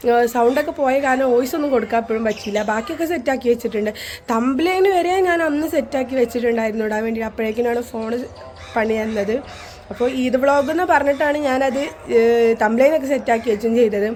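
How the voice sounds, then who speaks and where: A woman's voice: on the high side, a little mellow. A young woman, chatting casually to her viewers in a family vlog. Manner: chatty, rambling, addresses viewers as guys. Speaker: vlogger.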